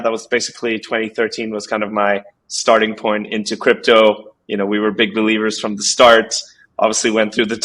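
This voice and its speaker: Male founder, 30s, from Switzerland; low voice, loose and rambly interview talk with lots of fillers. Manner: relaxed, rambling with many fillers and restarts. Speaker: startup founder guest. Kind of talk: casual interview conversation.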